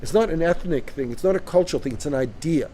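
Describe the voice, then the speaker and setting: A man's voice: a little high, lively intonation, fast, mellow, a little hiss or hum. A Canadian man in casual discussion, arguing his point emphatically and often checking in with "right?". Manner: emphatic, interjects with repeated "right?". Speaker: co-host.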